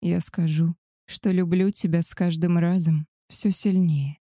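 A woman voicing a male werewolf alpha, a tender and possessive lover, in a soft, husky murmur for an audiobook. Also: fairly low pitch, steady tone, unhurried, no echo, studio quality. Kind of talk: audiobook character voice.

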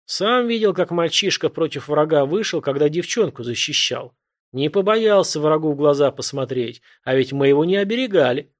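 A man's voice: on the high side, lively intonation, normal speed, natural voice. A man voices an old holy figure carrying a staff, in a storybook. He objects in a firm, matter-of-fact tone.

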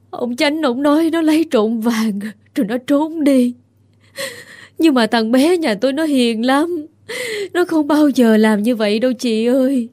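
A woman's voice: sits high, a little mellow. A woman voicing a poor old village mother who begs tearfully for her son. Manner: tearful, begging.

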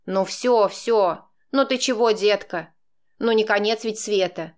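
A woman's voice: medium pitch, moderate pace, lightly acted. A woman reads out a brash middle-aged aunt from an audiobook, blunt and crude-spoken. She scolds and mocks in an ordinary mid-range voice. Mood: soothing. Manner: scolding and mocking, then soothing.

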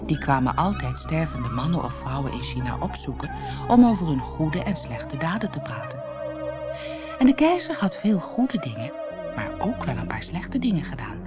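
A woman reading a fairy tale aloud as a storybook narrator, clear and expressive. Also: low voice, normal speed. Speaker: audiobook reader. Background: soft music.

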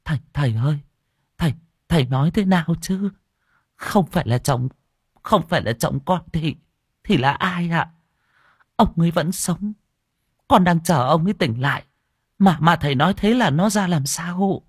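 A man's voice: fairly high pitch, expressive, moderate pace, long pauses, slightly rough, dry recording, pitched above the performer's own voice. A man voicing a frightened old village woman who stammers and pleads, close to tears. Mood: pleading. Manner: stammering, panicked, near tears.

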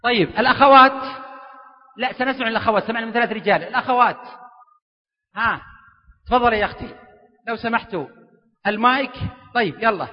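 High-voiced, fast-talking preacher. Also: male voice. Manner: animated, joking, coaxing the audience. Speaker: preacher giving a public lecture. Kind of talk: lively interactive religious lecture. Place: large lecture hall with an audience. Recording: dull, echoey lecture hall recording.

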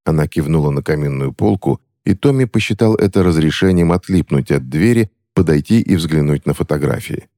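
Male audiobook narrator, very low voice, lively intonation, dry close-miked read. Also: fairly quick, few pauses, dry recording. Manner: expressive storytelling.

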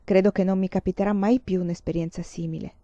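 A woman reading aloud voices a playful, dreamy young woman who is slightly tipsy, with light, breathy and eager speech. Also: medium pitch, fairly even intonation, fast, dark tone, no echo, lightly acted. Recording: dull lo-fi, dry.

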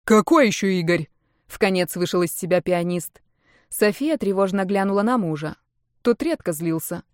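A woman reading a novel aloud as an audiobook narrator, in an even, measured way. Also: fairly low pitch, no echo, studio quality. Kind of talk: scripted narration.

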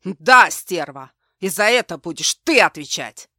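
A woman reading an audiobook, voicing a vicious, vengeful man who snarls and shouts his threats. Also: lowish voice, expressive, measured pace, dry recording, clean studio sound, full character voice. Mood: snarling. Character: vicious vengeful male ex-husband, unhinged. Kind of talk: audiobook dialogue.

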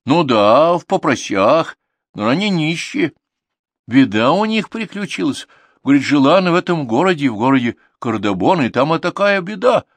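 A man's voice: a little high, sing-song, no echo, voice pushed up. A man voicing a simple, trusting old village grandmother with speech in an audiobook. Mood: earnest. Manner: folksy, singsong, drawn-out dialect speech. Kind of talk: audiobook character reading.

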